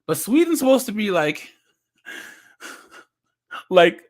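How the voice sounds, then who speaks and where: A man's voice: high voice, very animated, slow. A young man giving casual reaction commentary as a streamer, chatty, laughing often and restarting his words as he reads.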